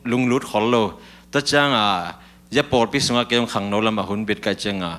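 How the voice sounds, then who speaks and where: Bright-voiced man chatting on a talk show. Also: mid-range voice, fast, clear, resonant tone. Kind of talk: casual talk-show conversation.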